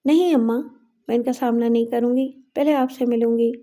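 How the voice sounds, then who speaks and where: A woman's voice: on the high side, fairly even intonation, dark tone, close to an everyday voice. A woman voicing a remorseful young runaway daughter, tearful and defensive on a phone call. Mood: firm.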